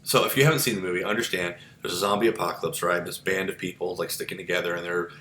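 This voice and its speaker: A man's voice: fairly even intonation, fast talker, fairly bright tone. A male psychology instructor giving a chatty, digressive lecture full of asides and fillers. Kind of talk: informal recorded lecture. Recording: echoey room with low rumble.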